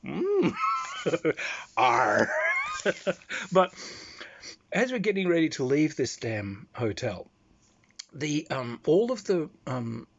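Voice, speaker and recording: A man with an Australian accent telling casual convention anecdotes in an animated, loose storytelling manner. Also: a little high, slow, gravelly, long pauses, lo-fi sound.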